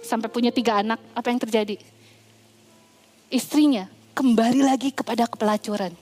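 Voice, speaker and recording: High-voiced, lively woman pastor. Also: a little fast, soft background music. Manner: lively, playful, storytelling. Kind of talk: sermon.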